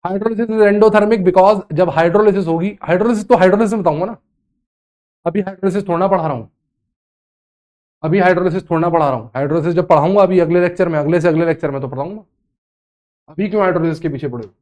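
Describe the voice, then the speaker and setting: High-voiced man teaching chemistry. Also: fast talker, darkish tone. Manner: scolding, teasing, repeats phrases. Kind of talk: online lecture.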